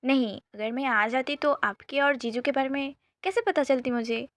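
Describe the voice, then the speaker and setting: An earnest young woman, soft-hearted yet stubborn, who pleads her case quickly and insistently, as a woman narrator voices her. Her voice is high and dry, close to the mic. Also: no room sound.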